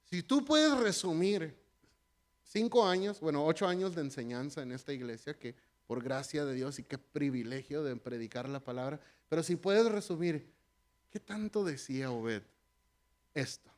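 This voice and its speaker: A man preaching a conversational sermon as pastor, animated and joking, talking straight to the congregation. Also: on the high side, moderate pace.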